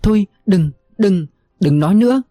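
A commanding young woman fighter, tense and clipped in her questions, as a man acts her out. Her voice sits clearly higher than the reader's own but keeps a dark, mellow tone. Faint music runs beneath this dry, close war novel reading. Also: animated, moderate pace, dry recording. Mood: shaken. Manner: sharp, urgent questioning.

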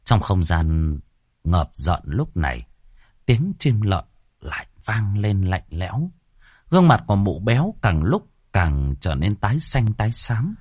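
Expressive male horror story narrator. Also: lowish voice, measured pace, slightly rough, no room sound, clean studio sound.

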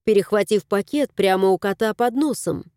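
A woman narrating an audiobook in an expressive storytelling voice on a close mic. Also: medium pitch, normal speed, no room sound.

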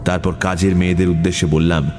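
A man narrating an audiobook story in a measured storytelling manner. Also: low voice, flat delivery. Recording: music bed under voice.

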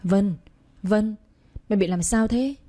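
A woman's voice: medium pitch, measured pace, dark tone, close to an everyday voice. A woman voicing a blunt, callous young woman, the elder half-sister, who talks in a curt, rude and dismissive way.

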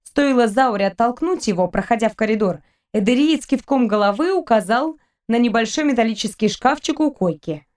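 A woman reads fiction aloud in a measured, even narration. Her voice sits a little high. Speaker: audiobook reader. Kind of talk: scripted narration.

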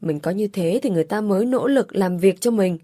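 A woman's voice: mid-range voice, brisk, mellow, no room sound, studio quality, natural voice. A woman reading an audiobook story, voicing a considerate young man who speaks patiently and placatingly. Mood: calm.

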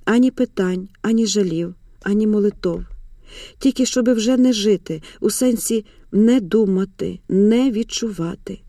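An audiobook narrator reading a literary novel in an expressive, theatrical way. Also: medium pitch, moderate pace, dry recording, clean studio sound.

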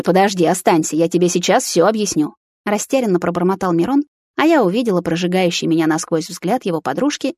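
A woman's voice: on the low side, a little mellow, no room sound. A woman narrating a first-person audiobook in an emotional, confessional tone, close to the mic.

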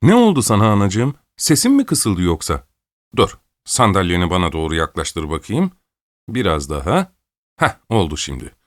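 A man's voice: sits low, wildly swooping pitch, normal speed, no room sound, clean studio sound. A man reading an audiobook, voicing an old, imperious countess who scolds and gives orders. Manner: scolding, commanding, querulous.

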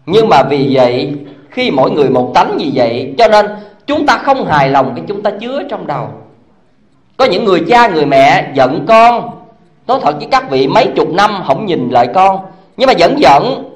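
Monk preaching to a congregation, high voice, questioning the crowd. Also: male voice, moderate pace. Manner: animated, asks the audience rhetorical questions; chuckles as he talks. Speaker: Buddhist monk. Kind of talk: dharma talk to a congregation.

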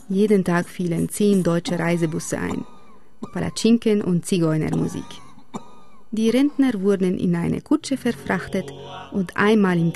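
A woman's voice: mid-range voice, mellow, close to an everyday voice. An actress playing a wry young Hungarian woman who narrates her life in a radio drama in clipped inner monologue. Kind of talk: scripted first-person radio drama narration.

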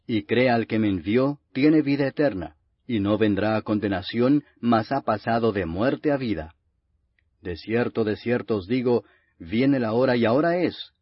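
A man's voice: mid-range voice, husky. A man reading the Bible aloud as a scripted narration, in a solemn, grave and declamatory manner. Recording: muffled, reverberant lo-fi audio.

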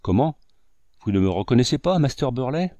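A man voicing an eager girl of about sixteen, higher and louder than his narration. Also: big pitch swings, brisk, no room sound, studio quality, lightly acted.

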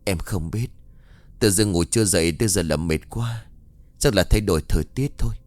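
A man voicing a tired young mother who speaks softly and wearily. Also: low voice, a little fast, dry recording, natural voice. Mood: weary. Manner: soft, weary.

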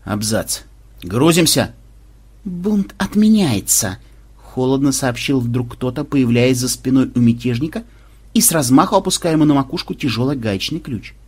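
A man reading an audiobook narration in a steady, even way. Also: mid-range voice, brisk, slightly rough. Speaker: audiobook reader. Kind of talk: scripted narration.

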